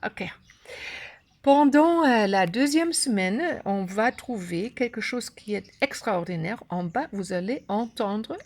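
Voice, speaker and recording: A woman from Germany with a German accent gives an unscripted app tutorial in broken, halting French, searching for words. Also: medium pitch, expressive. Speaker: course creator and app instructor.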